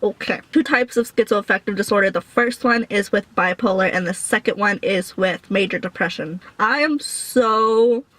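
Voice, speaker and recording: A woman's voice: medium pitch, steady tone, a little fast, few pauses, a bit bright, rough recording. A woman vlogger chatting casually to her viewers in an informal, rambling, slangy way. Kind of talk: casual chit-chat to viewers, answering questions.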